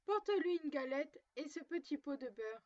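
A woman voicing a caring mother who gently gives instructions in a storybook, on a dull lo-fi recording. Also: high-pitched, animated, normal speed, distant mic. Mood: gentle.

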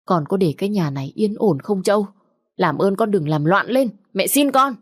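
A woman's voice: mid-range voice, lively intonation, moderate pace, husky, no echo, clean studio sound, voice pushed up. A woman reading a story aloud, voicing a middle-aged mother who scolds in an exasperated, raised voice. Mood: scolding.

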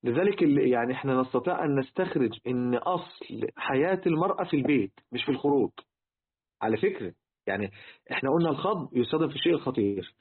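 A man's voice: mid-range voice, animated, rapid-fire, slightly rough. A man with an Egyptian accent gives a religious lesson on word meanings, asking his listeners rhetorical questions and repeating key words. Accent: Egyptian Arabic. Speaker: religious teacher. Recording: tinny, phone-like lo-fi recording.

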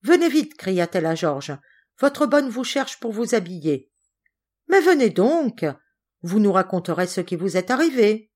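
A woman reading an audiobook aloud and voicing a plump, meddling, gossiping spinster cousin in a shrill, bossy voice. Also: lively intonation, normal speed, a little mellow, natural voice.

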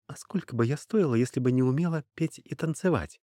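Sharp young slave girl, as a male reader puts her on, mocking, raised pitch, dry close sound. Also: brisk, dry recording, lightly acted. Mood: sly. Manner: mocking, taunting. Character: young peasant slave girl, bold and spiteful.

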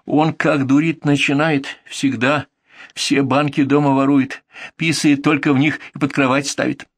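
A man's voice: medium pitch, level tone, measured pace, voice pushed up. A man voicing a weary older mother who complains in a resigned way about her sick son. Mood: complaining.

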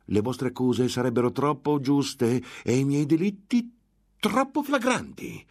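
A man playing a frenzied, guilt-ridden monk who rants and shouts with cruel, bitter laughs. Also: fairly high pitch, expressive, measured pace, pitched above the performer's own voice. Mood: raving.

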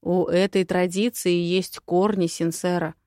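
A dragon prince from an audiobook, calm and firm, settling a quarrel with quiet authority, voiced by a woman. His voice is held level and dry, never rushed. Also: lowish voice, no room sound, natural voice. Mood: calm, stern.

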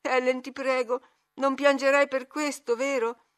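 A proud young lady speaks with high, lively scorn, as a woman narrator puts her on. Her voice lifts brightly above the narration. It belongs to an audiobook. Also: normal speed. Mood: pleading.

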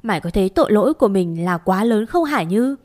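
A woman's voice: medium pitch, animated, a little fast, a little mellow, lightly acted. A stern, accusing sister-in-law in a spoken story, pressing the blame in a raised voice, as read by a woman narrator. Her tone is cold and reproachful.

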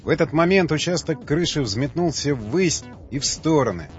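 A man reading an audiobook as the narrator, with steady, scripted delivery. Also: fairly high pitch, normal speed. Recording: dull lo-fi audio with faint music.

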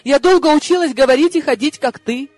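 A woman voicing a frightened, naive young woman held captive, squeaking and whimpering her answers. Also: a little fast, a little mellow, no room sound, soft background music, close to an everyday voice. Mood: tearful.

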